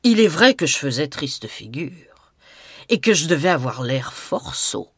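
A woman's voice: sits low, sing-song, a little slow, a bit bright, husky, dry recording, clean studio sound. A woman narrating an audiobook in an intimate tone, now and then dropping to a whisper.

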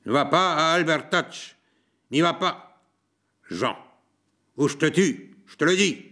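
A man voicing a Corsican rival who shouts a death threat in a storybook reading, his voice pushed high. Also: lively intonation, takes it slowly, heavily acted. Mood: threatening.

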